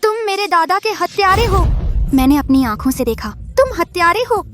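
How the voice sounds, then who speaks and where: Dub role: a frantic young woman bent on revenge, very high pitch. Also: lively intonation, normal speed, a bit bright, a little hiss or hum. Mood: accusing. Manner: frantic, accusing. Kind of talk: dubbed drama dialogue.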